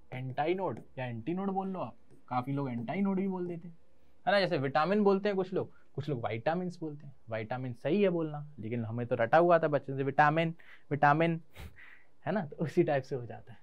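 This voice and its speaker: A young Indian man teaches physics in an online class, mixing Hindi and English terms. His voice is on the high side, and the recording sounds muffled. He poses questions and then answers them himself in a student's voice.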